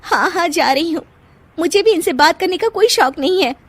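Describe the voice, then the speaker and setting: A woman plays a young cartoon daughter-in-law, feisty and defiant. The voice sits very high with lively swings, ready to argue, in a close dry recording. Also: dry recording. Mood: indignant. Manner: indignant, quick to argue. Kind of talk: Hindi moral cartoon voice acting.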